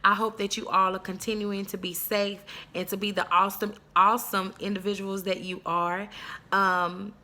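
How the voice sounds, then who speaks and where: A woman teacher sends graduates an affectionate, encouraging message. Her voice is bright and forward, with her pitch in a middle range. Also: flat delivery, normal speed.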